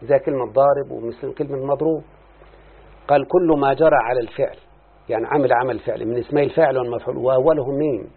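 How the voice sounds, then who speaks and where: A husky-voiced man teaches a grammar lesson. He keeps asking his listener questions as he explains. The sound is thin and muffled, like a phone line. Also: medium pitch, steady tone, quick pace. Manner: questioning, repeatedly addressing the listener. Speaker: teacher of Arabic morphology. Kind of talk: classroom lesson explaining a text.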